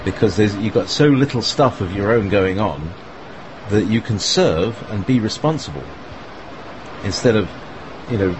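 On an online voice call, a man hosts a group chat and rambles casually, meandering along with fillers and little laughs. His voice is on the low side, with lively intonation and a moderate pace. Background noise is clearly audible.

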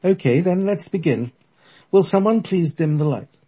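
A man voicing an elderly woman medium who speaks in a loud, authoritative voice. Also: high voice, animated, husky, voice pushed up. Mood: commanding. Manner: commanding, calls out long drawn-out.

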